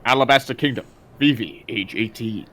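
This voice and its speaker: A man's voice: mid-range voice, normal speed, fairly bright tone. A man narrating manga titles from a script.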